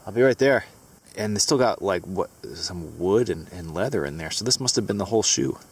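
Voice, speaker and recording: A man's voice: low-pitched, animated, fairly quick, slightly rough. A man in his thirties hosting a casual outdoor vlog, enthusiastically explaining his finds as he walks through a forest. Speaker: metal detecting channel host.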